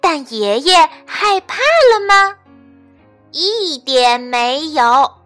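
A woman storyteller gently and expressively reading a bedtime story to children. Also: high-pitched, expressive, very slow, faint music behind.

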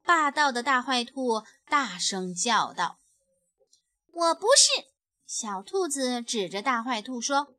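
A woman reading a picture book aloud, gentle and expressive, letting her voice fall softly at the end of sentences. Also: a little high, a little slow, dry recording, clean studio sound. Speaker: storyteller.

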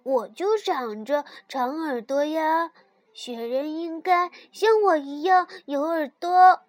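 A woman's voice: high voice, lively intonation, slow, no echo. A woman voicing a cheerful young male rabbit with long ears in a children's story, speaking eagerly. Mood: persuasive.

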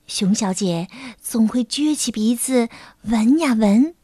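Slow-reading woman storyteller. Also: a little high, expressive, husky, dry recording, clean studio sound. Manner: gentle, measured storytelling. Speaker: storyteller, teacher. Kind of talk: children's storybook narration.

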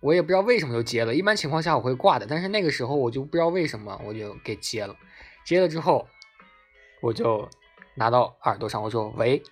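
Male storyteller, husky and rapid, excitable, repeats words for emphasis. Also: mid-range voice, faint music behind. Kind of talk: casual spoken storytelling.

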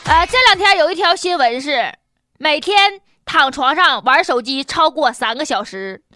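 A woman's voice: sits high, animated, moderate pace, sharp tone, soft background music. A woman hosting a radio show, telling news stories in a jokey, teasing way with casual asides.

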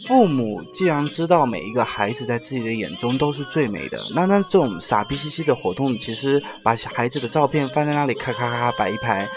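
A man's voice: medium pitch, expressive, fairly quick, few pauses, over music. A man telling a personal story in a casual, sarcastic rant, mocking the people he quotes.

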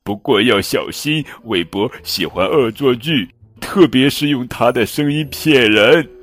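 A man's voice: mid-range voice, lively intonation, a little slow, fairly bright tone, voice pushed up. A man doing a jolly patchwork elephant. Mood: cheerful. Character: cheerful joking patchwork male elephant.

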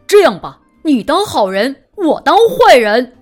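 A woman's voice: high-pitched, big pitch swings, a little slow, soft background music, pitched below the performer's own voice. A woman voicing a big, bossy male tiger in a drawling, lordly manner.

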